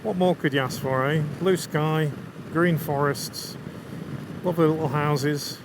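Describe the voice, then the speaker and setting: A man's voice: on the high side, fairly even intonation, measured pace. A man with a Lancashire accent gives casual, chatty commentary to viewers as a motorcycle vlogger, enthusiastic and riding outdoors. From England. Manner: chatty, enthusiastic about scenery and bike. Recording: constant road, wind and vehicle noise.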